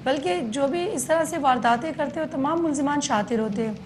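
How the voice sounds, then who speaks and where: A woman police station chief giving a news interview, explaining in detail with frequent hesitant pauses. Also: high voice, noisy background.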